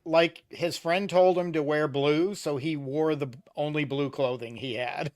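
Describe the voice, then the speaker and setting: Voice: mid-range voice, steady tone, unhurried, a little mellow. A game master narrating a tabletop game in a conversational way.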